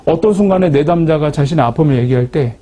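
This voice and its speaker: Guy telling his faith story, warm husky voice, pokes fun at himself. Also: fairly high pitch, fast. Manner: lively, self-mocking storytelling. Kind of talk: storytelling testimony talk.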